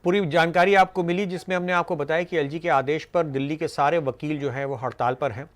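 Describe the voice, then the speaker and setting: A man's voice: on the high side, fairly even intonation, fairly quick. A male news anchor reading a report and putting formal questions to a reporter.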